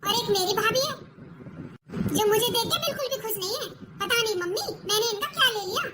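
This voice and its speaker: Spoiled cartoon sister-in-law, complaining and sarcastic, voiced by a woman; very high-pitched, noisy recording. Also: expressive, fairly quick, roomy sound, distant mic. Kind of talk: cartoon voice acting. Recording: loud background noise.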